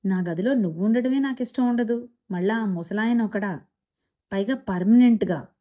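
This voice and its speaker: A woman's voice: a little high, steady tone, quick pace, lightly acted. A moody, brash teenage boy who snaps and then turns wheedling, as a woman storyteller voices him. The sound is slightly muffled. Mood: aggressive. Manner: curt, pushy.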